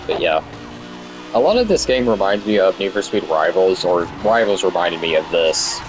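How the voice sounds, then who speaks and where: A man's voice: sits low, expressive, normal speed, background noise. A young man giving casual gameplay commentary in a stoned, rambling, easily sidetracked way, swearing freely. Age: young adult. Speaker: gamer recording commentary.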